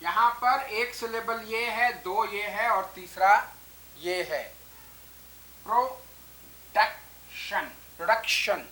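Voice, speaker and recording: Woman, teacher, unhurried, deliberate explaining. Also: mid-range voice, pushed and bright. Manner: slow, deliberate, spells out and counts syllables aloud. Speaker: English teacher. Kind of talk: explanatory lesson.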